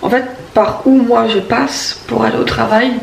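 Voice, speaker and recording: A woman's voice: a little high, steady tone, moderate pace, gravelly. A young woman from the Paris region, with a sore throat, chatting casually to camera at home in a rambling, hesitant way with many restarts. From Paris region, France. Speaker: vlogger. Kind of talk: casual morning chat to camera. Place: at home, indoors. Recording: echoey room, voice far from mic, faint hum.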